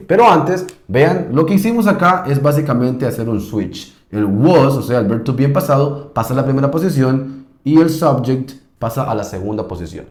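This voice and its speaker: A man teaching an English grammar lesson, explaining slowly and patiently and often checking in with "ok?". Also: mid-range voice, darkish tone, echoey room. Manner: patient, repeats points, checks in with "ok?".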